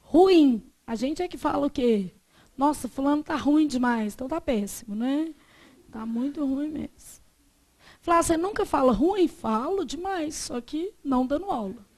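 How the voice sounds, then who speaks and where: A Brazilian woman teaching a Portuguese class, chatty and joking, slowly drawing out the example words. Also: high voice, expressive. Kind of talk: classroom lesson.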